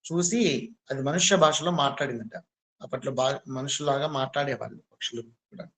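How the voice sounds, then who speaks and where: A man's voice: medium pitch, a little fast, fairly bright tone. A man giving a devotional discourse, telling a story in a conversational way and quizzing his listeners as a spiritual teacher.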